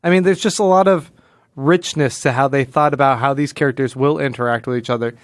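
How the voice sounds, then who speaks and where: At a fairly quick pace, a man with a mid-range, steady voice talks in studio-quality sound with no room sound. The podcast host offers a casual comic book analysis chat, dramatizing quoted lines as he retells.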